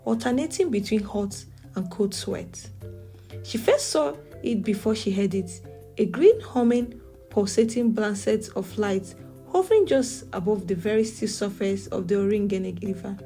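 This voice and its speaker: A woman from Nigeria with a Nigerian accent, telling a folktale as a storyteller in measured, dramatic narration. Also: mid-range voice, expressive, dark tone. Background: faint music.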